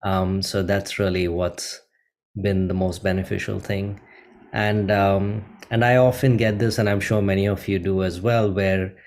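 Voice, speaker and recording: A middle-aged man from India hosting a guided meditation, talking gently and unhurriedly with many ums and uhs. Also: low-pitched, level tone, unhurried. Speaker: meditation host.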